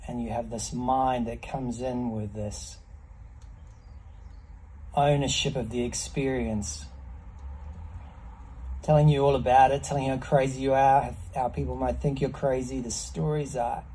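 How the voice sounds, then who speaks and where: Man, fifties, slow reflective delivery, medium pitch, measured pauses, faint background noise. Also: steady tone, mellow, rough recording. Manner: contemplative, measured, with pauses between short phrases. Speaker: ice bath practitioner. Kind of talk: reflective monologue to camera. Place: small block-walled semi-outdoor space, in an ice bath.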